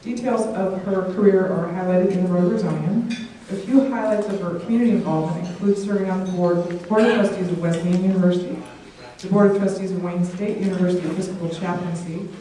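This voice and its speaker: A woman's voice: fairly low pitch, warm tone. A woman giving a formal introduction of two speakers at a club meeting, reading out their credentials one after another. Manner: reads out credentials in a list. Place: hall at a club luncheon. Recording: very echoey hall from far off.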